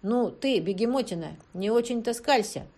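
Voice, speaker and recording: A rough, bullying male kidnapper snaps out threats in a storybook scene, as a woman reads him. He barks his orders and won't back down. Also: a little high, animated, normal speed, darkish tone, voice pushed up. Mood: menacing. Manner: threatening, barking.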